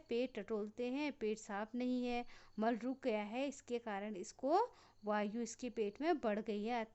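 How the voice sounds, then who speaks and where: A woman teacher with a Hindi accent from Uttarakhand, explaining a lesson in a fairly high, smooth voice. She retells the story plainly for children and sometimes restarts a phrase. The recording is dull and lo-fi. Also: darkish tone.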